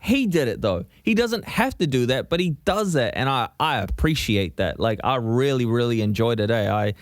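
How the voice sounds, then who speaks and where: A man's voice: medium pitch, normal speed, no room sound, studio quality. A man co-hosting a podcast, chatting casually and animatedly, swearing freely. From New Zealand. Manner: animated, swearing, frequent "you know what I mean". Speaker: podcast co-host. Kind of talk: casual chat.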